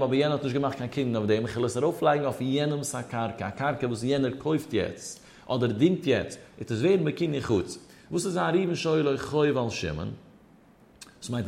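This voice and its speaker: A man's voice: medium pitch, darkish tone. Man lecturing in a sing-song study chant. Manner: asks and answers his own questions. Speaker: teacher of religious law.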